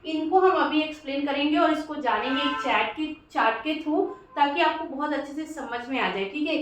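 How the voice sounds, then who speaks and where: Woman teacher, high voice, patient and repetitive; mic set back in a very echoey room. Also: far from the mic, background noise. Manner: patient, repeats points with frequent "ठीक है"; slows down to spell out example sentences while writing. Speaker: English grammar teacher. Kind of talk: classroom-style explanation.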